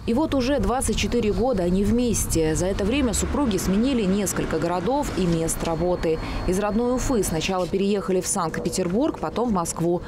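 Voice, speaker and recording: A woman reporter reading a scripted local news voice-over in an even, clear way. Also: medium pitch, a little fast, hardly any pauses, noisy background.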